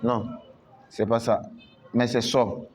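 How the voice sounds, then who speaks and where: Here a man's medium, somewhat mellow voice barely shifts in pitch as he teaches Quran recitation in French. Patient and slow, he repeats every word again and again, stretching out the syllables as he recites.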